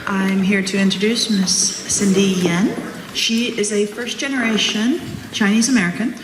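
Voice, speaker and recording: A woman formally introduces a guest speaker, reading haltingly from prepared notes and repeating some words. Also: medium pitch, steady tone. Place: large room or hall before an audience. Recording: distant, echoing hall, faint noise.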